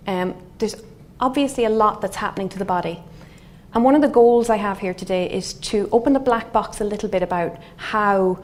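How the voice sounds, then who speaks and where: A middle-aged woman from Galway with a west of Ireland accent, a scientist giving an explanatory lecture in a thoughtful, halting, semi-conversational way. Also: medium pitch. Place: indoor wood-panelled lecture room. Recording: faint steady room noise.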